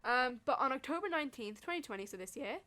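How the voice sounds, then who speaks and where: A young woman hosts a casual podcast chat, her voice sitting a little on the high side. She talks in a gossipy, indignant way and now and then reads lines from an article. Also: animated, fast, pushed and bright. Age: young adult. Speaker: student podcast host.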